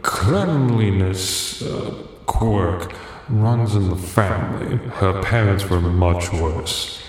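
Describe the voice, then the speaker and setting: A man voicing a male dragon speaking quietly and confidingly. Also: sits low, slow pace, voice pushed down. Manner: quiet and hushed. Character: old, wise dragon, male, whispering. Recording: roomy, long reverb.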